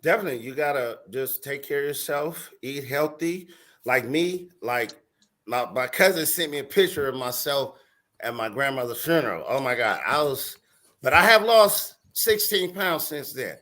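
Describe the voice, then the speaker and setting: Lively, joking male panelist. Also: medium pitch, moderate pace. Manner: joking, teasing, laughs often. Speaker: panel co-host. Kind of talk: casual panel talk show chat.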